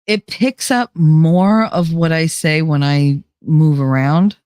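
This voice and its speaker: Her voice is low, smooth and darkish, and she speaks slowly on a dry recording. A young adult livestream host, she sits close to a desk mic reading live comments, rambling casually, laughing often, and sounding a little nasal from a cold.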